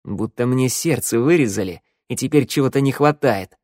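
A man voicing a quiet, confiding young man. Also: medium pitch, moderate pace, dry recording, studio quality, natural voice. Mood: confessional. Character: pale young man, hushed and confessional.

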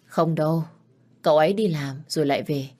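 A frank older housemaid gives plain, blunt advice, as a woman narrating a storybook voices her. Her voice is low and matter-of-fact. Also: brisk, a little mellow.

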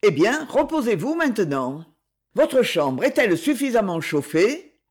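A woman's voice: medium pitch, sing-song, a little slow. A woman reading the part of a stern young nobleman who speaks firmly, coldly and with irony. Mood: stern commanding. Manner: firm, cold, ironic.

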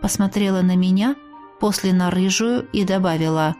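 A woman reading a first-person audiobook aloud, lively and expressive, with playful irony. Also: medium pitch, moderate pace, soft background music. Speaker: audiobook reader.

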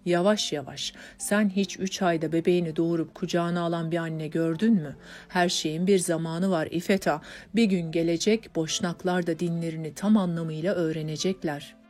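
A calm, pious middle-aged father from a storybook, voiced by a woman narrator. He speaks softly and patiently, with faint music behind him. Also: fairly low pitch, normal speed, close to an everyday voice. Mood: gentle.

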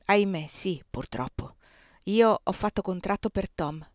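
A woman voicing a troubled middle-aged plantation owner who speaks in a low, subdued, reluctant way, in a dry recording. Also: animated, unhurried, dry recording, natural voice. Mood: regretful.

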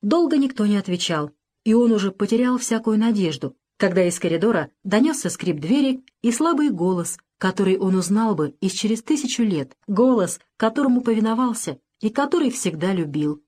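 A woman narrating an audiobook in a measured, expressive storytelling manner. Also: medium pitch. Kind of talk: scripted narration.

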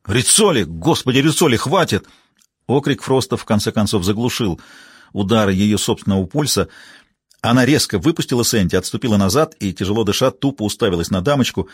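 A man narrating a crime novel in an expressive reading voice. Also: medium pitch, husky, no echo, clean studio sound. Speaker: audiobook narrator. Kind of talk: scripted narration.

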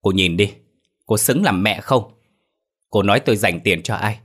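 A man's voice: fairly low pitch, normal speed, a bit bright, slightly rough. A man voicing a stern young husband scolding his wife with held-back anger. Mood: bitter reproachful. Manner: reproachful, clipped, scolding.

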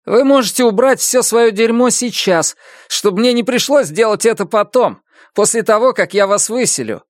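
A narrator voicing a spiteful, bullying male neighbor with a shrill, sneering manner in an audiobook. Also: big pitch swings, moderate pace, fairly bright tone, no room sound, studio quality, full character voice. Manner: sneering, bullying, rising to a shriek.

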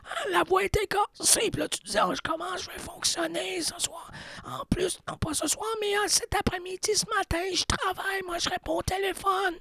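A man voicing a flustered woman receptionist who has lost her voice, talking in a shrill, frantic way. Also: steady tone, normal speed, vocal fry, bright, forceful tone, heavily acted.

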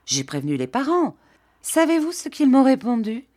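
A smug village priest, preaching and moralizing in a sing-song voice that rises and falls widely, as a woman reads his part. He lectures at an unhurried pace. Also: mid-range voice, sing-song, darkish tone, dry recording, clean studio sound. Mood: resigned moralizing.

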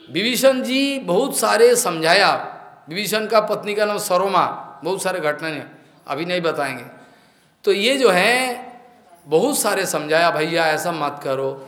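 A man's voice: sits high, unhurried, a bit bright. A male preacher giving a devotional scripture discourse in a temple hall, telling stories and acting out the characters' lines. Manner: storytelling, acting out quoted dialogue. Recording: echoey hall reverb.

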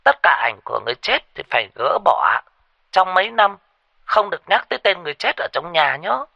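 A man's voice: high-pitched, sing-song, brisk, vocal fry, bright, forceful tone, no echo, dull audio, voice pushed up, heavily acted. A man voicing a worried older woman, the wife of a ritual master, who gives urgent warnings in an audiobook ghost story. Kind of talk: audiobook character voice.

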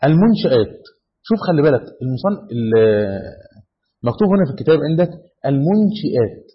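Husky Egyptian sheikh lecturing fast. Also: male voice, fairly high pitch, big pitch swings. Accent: Egyptian Arabic. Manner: asks students questions, then answers himself. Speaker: sheikh teaching a text. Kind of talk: classroom lecture. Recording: dull lo-fi recording.

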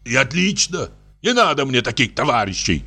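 A man voicing a drunk, quick-tempered investigator in his sixties, blustering and shouting in a raised voice. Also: medium pitch, sing-song, soft background music, pitched above the performer's own voice, full character voice. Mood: offended. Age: 60s.

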